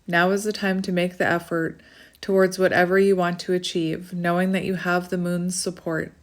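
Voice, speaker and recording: A woman's voice: on the low side, flat delivery, normal speed. A woman with a slight lisp from wearing a retainer, doing a casual, chatty card reading in an effusive, giggly manner. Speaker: tarot reader hosting a card reading.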